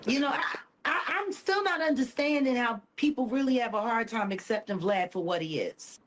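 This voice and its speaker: A woman's voice: fairly high pitch, lively intonation, normal speed, fairly bright tone, a little hiss or hum. A woman talking as a podcast guest, blunt, emphatic and confrontational. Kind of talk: heated podcast conversation.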